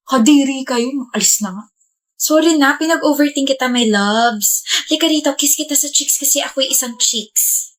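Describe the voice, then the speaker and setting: A woman's voice: sits high, a bit bright. A woman acting a scripted POV comedy skit with teasing, dramatic lovey-dovey delivery.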